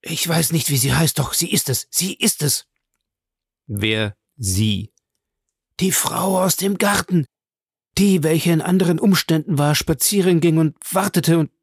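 A man's voice: on the low side, extremely slow, gravelly, few pauses, no room sound, clean studio sound, full character voice. A man reading an audiobook, voicing a terrified middle-aged steward who stammers out panicked cries.

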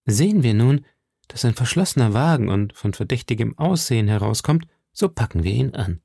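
A man's voice: mid-range voice, fairly quick, vocal fry, husky, dry recording, studio quality. Athos, a man voicing a grave musketeer leader. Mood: commanding. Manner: calm, commanding.

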